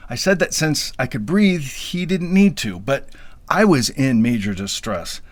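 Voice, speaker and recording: A man's voice: medium pitch, expressive, measured pace, no echo. Wry man telling a comic tale. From US Midwest. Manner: wry, self-deprecating, playfully dramatic. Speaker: podcast storyteller. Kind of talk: comic first-person storytelling.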